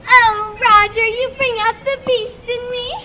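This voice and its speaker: A woman's voice: extremely high pitch, fairly even intonation, unhurried, background noise. A woman voicing a mock-demure young lady being courted, coy and gushing, in a stage comedy.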